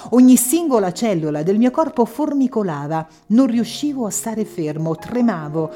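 A woman's voice: normal speed, soft background music. A woman narrating a first-person story as an audiobook, reading expressively. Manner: expressive reading, voicing shouted quotes louder and higher.

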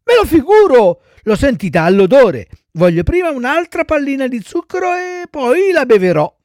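A man voicing a stubborn, whiny wooden puppet boy in a shrill, pleading high voice. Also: big pitch swings, moderate pace, a little mellow, no room sound, studio quality.

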